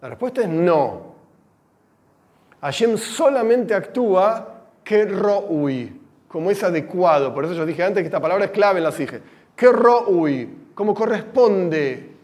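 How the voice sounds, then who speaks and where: Animated Rioplatense male Torah teacher. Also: high voice, a little slow. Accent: Rioplatense Spanish. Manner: animated, acts out examples, mixes in Hebrew terms. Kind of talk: religious text lesson to girls.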